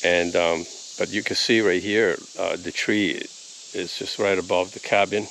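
A man's voice: sits low, steady tone, a little slow, a bit bright, a little hiss or hum. A man in his fifties, originally from Italy, chatting to camera on his rural property in an easygoing, rambling way with lots of ums, filmed on a phone at arm's length. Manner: easygoing, rambling, with many ums and little laughs. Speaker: homesteading vlogger. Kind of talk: casual vlog talk to camera.

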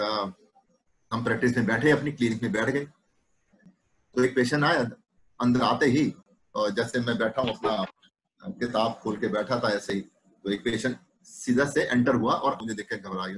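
A man's voice: medium pitch, a bit bright, low-quality recording. A man who is a homeopathy doctor and teacher, giving a clinical lecture and explaining his points through patient cases and acted-out dialogues.

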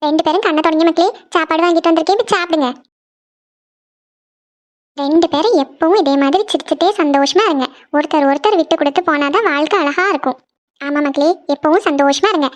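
An actor voicing a loving middle-aged mother in an animated family cartoon, speaking with a soothing, tender manner. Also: very high voice. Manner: tender, soothing, calls them "makkale".

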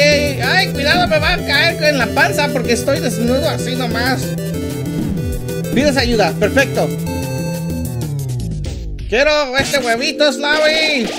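A young man with a Mexican accent giving excitable let's play commentary, yelping, groaning and talking to viewers. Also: very high-pitched. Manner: excitable, yelps and groans often, talks to viewers. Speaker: gaming channel host. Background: loud game music.

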